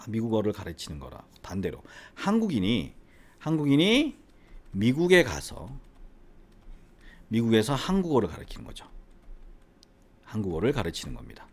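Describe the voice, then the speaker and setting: A man's voice: fairly low pitch, wildly swooping pitch, fairly quick. A middle-aged man from the Gyeongsang region with a faint Gyeongsang accent, an English academy owner and teacher talking casually to the camera and often asking the viewer rhetorical questions. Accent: faint Gyeongsang Korean. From Gyeongsang region, South Korea. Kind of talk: casual educational monologue to camera.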